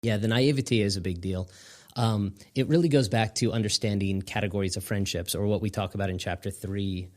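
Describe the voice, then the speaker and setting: A middle-aged man with a fairly low voice, co-hosting a podcast in relaxed banter. He teases his partner and throws in playful jokey asides. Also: brisk. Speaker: podcast co-host.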